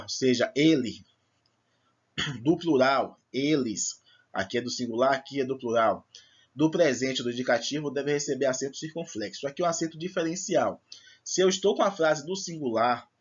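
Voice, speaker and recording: In a husky mid-range voice on dull audio, a man patiently explains a recorded lesson one step at a time. He keeps checking understanding with "certo?" and "tá bom?".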